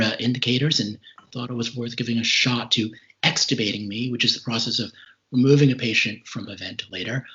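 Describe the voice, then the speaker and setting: Guy in his 40s kinda short of breath, halting careful explaining in an interview, muffled lofi sound. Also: mid-range voice, sharp tone. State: short of breath, recovering from serious respiratory illness. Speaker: interview guest, recovering patient. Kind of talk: recounting personal experience in an interview. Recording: dull lo-fi call audio.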